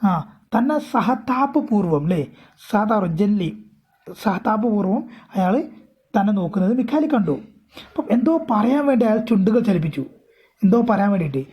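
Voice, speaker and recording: A woman teacher with a Kerala accent explains an English story, reading lines slowly and then rephrasing them again and again. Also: medium pitch, animated, slightly rough. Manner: repeats and rephrases often. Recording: dull lo-fi recording.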